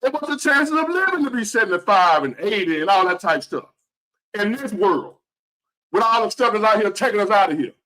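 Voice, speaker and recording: This fifties-aged motivational vlogger has a high, bright voice and a sing-song, slightly fast delivery, though the audio is poor. Talking straight to his audience, he sends his pitch soaring and plunging, repeats key lines, and lowers to a whisper before building back up, sounding earnest and preachy.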